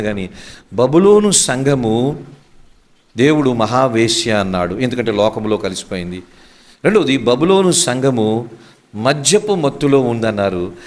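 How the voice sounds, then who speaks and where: A pastor preaching a sermon, firing rhetorical questions and slipping in English phrases. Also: male voice, medium pitch.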